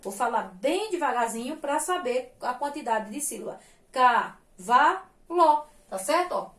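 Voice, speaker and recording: High-voiced patient Brazilian teacher. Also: female voice, lively intonation, reverberant. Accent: Brazilian Portuguese. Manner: patient, sing-song, spells syllables out slowly. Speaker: primary school teacher. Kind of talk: recorded lesson for young children.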